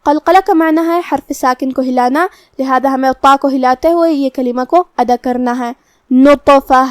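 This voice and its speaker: High-voiced woman teaching recitation. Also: dry recording, clean studio sound. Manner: calm, methodical explanation, with slow drawn-out recitation of verses. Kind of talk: tajweed lesson, explaining rules.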